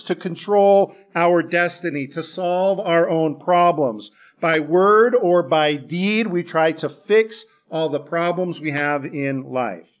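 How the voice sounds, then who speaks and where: A man's voice: fairly high pitch, highs cut off. A man preaching a sermon in a church, talking in a conversational way and putting rhetorical questions to the congregation.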